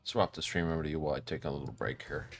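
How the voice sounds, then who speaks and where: A man's voice: rumbling low, very fast, faint music behind. A wheezy man with throat trouble and a cough, chatting casually and swearing as he streams a game. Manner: sweary, informal. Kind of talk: casual gaming stream chat.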